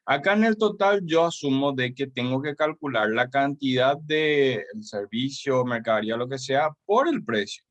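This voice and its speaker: A man's voice: mid-range voice, animated, normal speed, few pauses, no room sound, highs cut off. A man teaching a live online class as course instructor, talking in a chatty way with many fillers and tag questions.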